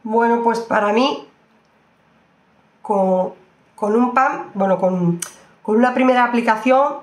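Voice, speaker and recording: A woman's voice: fairly high pitch, slow. Chatty woman in an echoey room. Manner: chatty, exclamatory, repeats phrases, addresses viewers fondly. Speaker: beauty vlogger. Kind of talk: casual makeup review.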